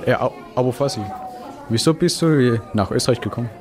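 Brief: a teen voicing a schoolboy, slangy, hesitant, school play. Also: male voice, medium pitch, brisk, music in the background, crowd noise, close to an everyday voice. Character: teenage schoolboy Franz, first mean then friendly. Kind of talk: amateur school drama.

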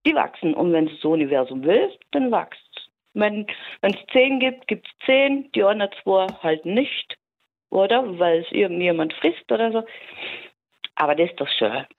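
A calm, easygoing woman calls in to a radio show. She talks in an unhurried way and keeps restarting her phrases. Her voice comes through a thin, tinny phone line at a middle pitch. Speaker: caller. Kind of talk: casual phone-in chat.

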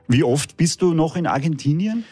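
A man hosting a radio interview, asking brisk, chatty questions. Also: on the high side, animated, mellow, husky, no room sound. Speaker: radio host.

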